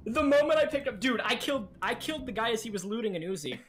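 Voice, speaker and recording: A woman playing a shooter game with a friend, excitable and teasing, laughing often in casual chat. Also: fairly high pitch, fast. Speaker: gaming partner.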